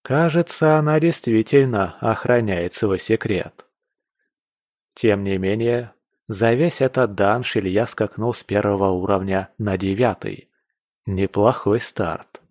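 A man narrating a fantasy audiobook in a steady, plain storytelling manner. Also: fairly low pitch, measured pace, no room sound, clean studio sound. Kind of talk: scripted fiction narration.

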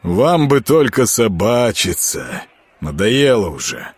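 A man's voice: on the low side, big pitch swings, slow pace, breathy edge, no echo, exaggerated voice. A man voicing a stern, weary prince passing judgment in an audiobook.

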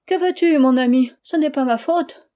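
A woman's voice: medium pitch, steady tone, normal speed, warm tone, lightly acted. A woman voicing an anxious wife who speaks with a tearful, resigned manner.

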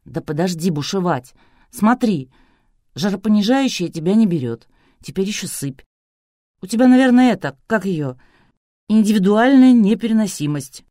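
A woman reading a weary young man who tries to calm his fiancée. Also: mid-range voice, normal speed, no echo, studio quality, natural voice. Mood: placating. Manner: tired, placating.

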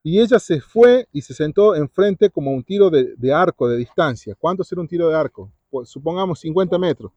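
A youth retreat speaker gives a Bible talk to preteens, constantly quizzing them and ending lines with "¿sí?". His fairly high, darkish voice is expressive and brisk, with few pauses. The recording is dry, dull, and lo-fi.

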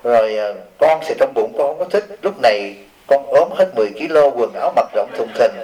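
A man's voice: mid-range voice, expressive, fairly quick, darkish tone, poor audio. A man, a Buddhist monk giving a humorous sermon, reading out questions and teasing his audience with rhetorical questions.

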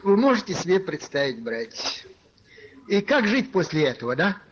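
A man's voice: sits high, very animated, normal speed, slight background noise. A man preaching a conversational sermon, telling a personal story and addressing his listeners as brothers, with many filler words. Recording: lo-fi archival tape recording.

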